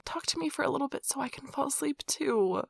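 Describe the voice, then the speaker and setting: Quick and lively, her high voice carries the breathy, whispery tenderness and teasing of an affectionate, nerdy young girlfriend in an intimate ASMR role-play, performed in full character voice. Studio quality with no echo, the mood soft and coaxing.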